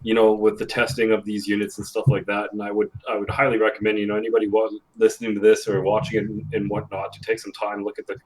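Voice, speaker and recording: A man's voice: on the low side, monotone, fast, hardly any pauses, darkish tone, low-quality recording. A man, a guest on a gaming podcast, talking at length in a rambling way with many fillers. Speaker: guest, influencer manager. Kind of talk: casual podcast chat.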